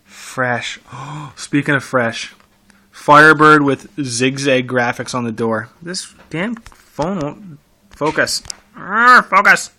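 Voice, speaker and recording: Browsing classified ads, a man riffs off the cuff like a car enthusiast, muttering wry, enthusiastic asides to himself. His voice is fairly high, slow, pushed, and bright.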